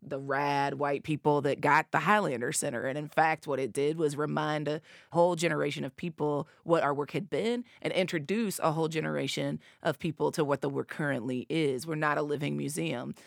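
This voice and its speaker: A woman's voice: deep voice, fairly even intonation, a little fast, creaky, hardly any pauses, no room sound, clean studio sound. A woman from Appalachia with an Appalachian accent, answering as an activist guest in an emphatic way, often checking with tag questions. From Appalachia, southern United States. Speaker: activist leader, co-executive director and interview guest. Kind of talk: impassioned interview answer.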